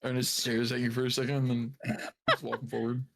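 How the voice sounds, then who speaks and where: A man's voice: medium pitch, little pitch movement, fast, vocal fry, fairly bright tone, a little hiss or hum. Casual, swearing man playing a game. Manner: casual, swears often, talks while eating. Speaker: player. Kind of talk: casual tabletop role-play.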